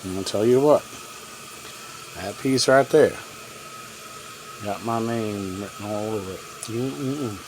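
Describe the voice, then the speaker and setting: A man's voice: fairly low pitch, slow, long pauses. Folksy man cooking in a camper. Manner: folksy, chatty, talks with mouth full. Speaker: cooking vlogger. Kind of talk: casual cooking vlog. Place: camper kitchen with propane cooker. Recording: noisy home video with frying sounds. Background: boiling water and frying.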